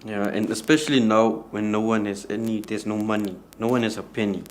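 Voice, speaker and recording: A man's voice: on the low side, steady tone, a little fast, slight background noise, natural voice. A man as an earnest reassuring friend. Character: steady male friend consoling and advising. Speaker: supportive friend.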